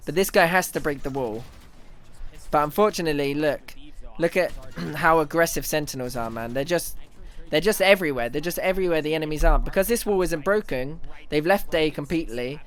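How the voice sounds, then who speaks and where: A man on a livestream, speaking into a headset mic with a slightly high voice. He breaks down the match in a fast, excitable run of thoughts. He often stumbles and restarts his sentences as he goes. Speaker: streamer analyzing an esports match. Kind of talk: casual live analysis commentary.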